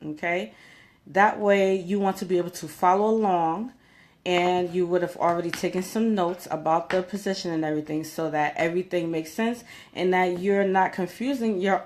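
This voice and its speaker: A woman career coach gives job interview tips in an informal advice vlog, speaking conversationally and emphatically and often checking in with her listeners. Her voice is on the low side, darkish in tone, at normal speed.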